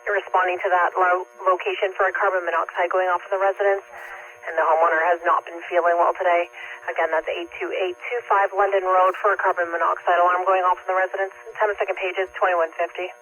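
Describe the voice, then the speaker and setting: A fire dispatcher comes through a two-way radio, reading out calls quickly in a clipped, procedural way. The delivery barely rises or falls. The transmission sounds dull and lo-fi, with faint static underneath. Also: mid-range voice, little pitch movement, fairly bright tone. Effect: heard over a two-way radio.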